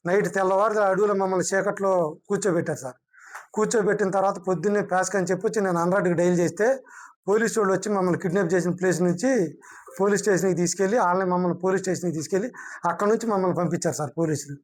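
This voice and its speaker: A man's voice: high voice, very fast. A man, a fraud victim, urgently telling a reporter how he was cheated and kidnapped, respectfully addressing him as sir. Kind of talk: recounting events to a reporter.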